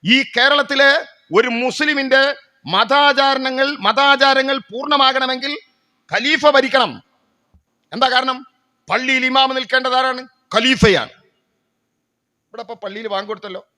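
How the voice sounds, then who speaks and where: A middle-aged man from Kerala speaks at a political gathering into a stage mic, his voice set high and ringing bright. He works the crowd with rhetorical questions and answers them himself, then slides into stories. The delivery is that of a practiced public speaker. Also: steady tone, measured pace, long pauses.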